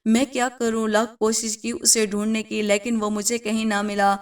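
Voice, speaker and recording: A woman's voice: fairly high pitch, flat delivery, recorded from a distance, natural voice. A woman voicing a cruel, scheming stepmother in a storybook tale, with harsh, threatening speech. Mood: fake grief.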